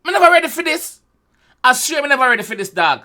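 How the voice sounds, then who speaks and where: A young man with a Jamaican accent gives an excitable reaction commentary, full of loud exclamations and swearing. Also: very high-pitched, fast talker. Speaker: music reaction host.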